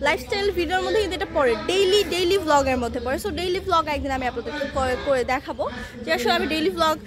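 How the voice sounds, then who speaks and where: A woman's voice: high voice, very fast. A young woman from Bangladesh, chatting casually on a rooftop into a hand-held phone and rambling with many fillers and restarts. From Bangladesh (Bogura). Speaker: vlogger. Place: rooftop outdoors.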